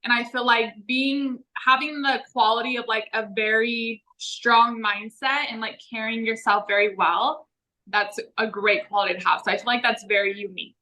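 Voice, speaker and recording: A woman's voice: fairly high pitch, fairly even intonation, moderate pace, pushed and bright, rough recording. A young woman in a casual Q&A chat with a friend, speaking informally with slang and lots of "like". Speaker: vlog co-host.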